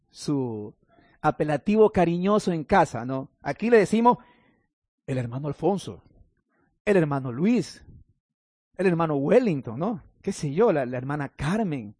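A man preaches in a fairly high voice, recorded dry and close. He reads scripture passages and then explains them to his congregation. Now and then he drops in playful asides. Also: sing-song, unhurried, long pauses, darkish tone, no echo. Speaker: pastor. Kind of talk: sermon.

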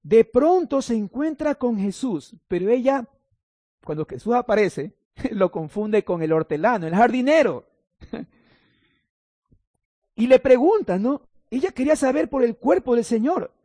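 High-voiced male pastor preaching. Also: expressive, unhurried, long pauses, dark tone, no echo, clean studio sound. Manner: reads scripture then explains it, with playful asides to the congregation. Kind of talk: sermon.

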